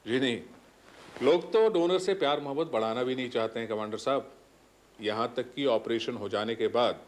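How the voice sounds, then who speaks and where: Actor as hospital doctor, calm, polite, evasive, medium pitch, TV serial. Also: male voice, natural voice. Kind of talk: TV serial acting.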